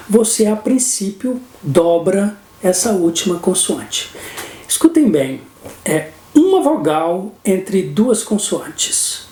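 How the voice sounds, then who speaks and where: Brazilian guy teaching english grammar, mellow voice, keeps asking "right?", roomy echo. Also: high-pitched. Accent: Brazilian Portuguese. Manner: explanatory, keeps checking in with "não é?". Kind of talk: recorded grammar lesson.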